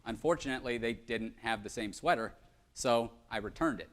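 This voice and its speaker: A man's voice: mid-range voice, a little fast, fairly bright tone. A young man giving a live presentation, telling self-deprecating stories with humor. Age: young adult. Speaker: conference speaker.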